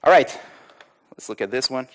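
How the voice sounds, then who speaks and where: A man presents a live tech talk, walking the audience through browser demos. He speaks casually in a middle-pitched voice, with plenty of ums and small chuckles between points. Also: lively intonation, normal speed, a bit bright. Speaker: conference speaker. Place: conference hall with audience.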